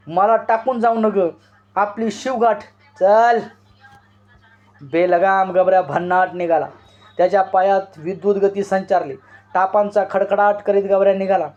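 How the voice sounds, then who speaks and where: Brief: male narrator, high pitch, expressive dramatic reading, dull lo-fi sound. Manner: expressive, stretches out shouted cries. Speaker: storyteller explaining a novel. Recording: dull lo-fi recording.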